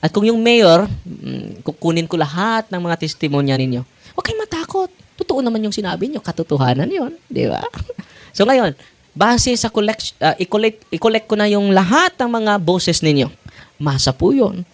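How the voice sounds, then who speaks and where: Priest, 40s, animated sermon with laughs, highish and very lively. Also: male voice, moderate pace, gravelly. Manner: animated, laughing, switching languages. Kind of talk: sermon to parishioners.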